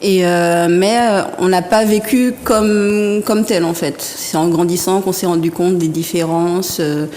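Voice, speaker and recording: A woman in her thirties from Martinique, a guest artisan telling her story in a soft, hesitant, often laughing way. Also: on the low side, fairly even intonation, unhurried, hardly any pauses. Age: 30s. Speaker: guest artisan and interior decorator. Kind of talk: casual interview talk. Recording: reverberant room with faint background noise.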